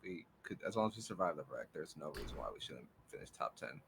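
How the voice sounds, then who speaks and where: A man's voice: extremely low pitch, sing-song, fast, vocal fry, a bit bright, husky. A man talking as a sim racing driver in a post-race interview, easygoing and joking.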